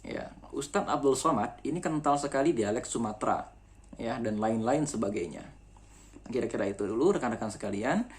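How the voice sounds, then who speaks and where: A man's voice: mid-range voice, a little fast. A man teaching a school lesson, explaining step by step with frequent fillers and asides. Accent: Indonesian. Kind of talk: classroom lecture.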